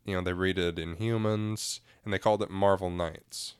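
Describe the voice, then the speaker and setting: Man, very low voice, smooth and resonant, relaxed explanatory podcast chat. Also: moderate pace, no echo, clean studio sound. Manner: relaxed, explanatory, laughs easily. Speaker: podcast co-host. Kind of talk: casual chat about comics.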